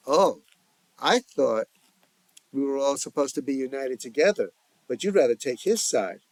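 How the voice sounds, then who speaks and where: A man voicing a gruff, quick-tempered father who argues with his family in an audio story. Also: mid-range voice, expressive, dry recording, close to an everyday voice. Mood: combative. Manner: blustering, combative.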